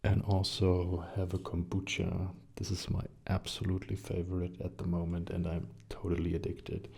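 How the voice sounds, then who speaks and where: A man chatting gently in a soft-spoken, hushed and breathy ASMR style, relaxed and close to the mic. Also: deep voice, normal speed. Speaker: ASMR video creator. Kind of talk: soft-spoken ASMR chat, slipping into whispers. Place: small quiet rented studio room. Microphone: close shotgun condenser mics.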